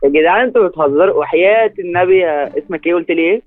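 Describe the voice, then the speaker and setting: A man's voice: high-pitched, racing. A man from Alexandria with an Egyptian accent, talking skeptically on a prank call. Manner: skeptical, laughs off the caller. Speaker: prank call target, folk singer. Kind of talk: phone conversation. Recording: tinny phone line.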